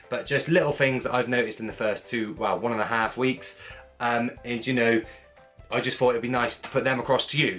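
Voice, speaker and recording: A man's voice: mid-range voice, fairly bright tone. A man with a Wiltshire English accent, chatting casually to viewers in a rambling, informal, blokey way as a vlogger. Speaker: vlogger, gym owner.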